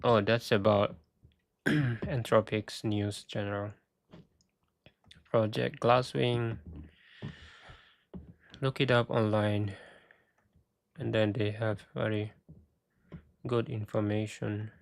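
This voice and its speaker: A man hosting a casual screen-share walkthrough, thinking aloud with halting restarts, and he is losing his voice. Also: lowish voice, steady tone, vocal fry, no room sound. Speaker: tech video host.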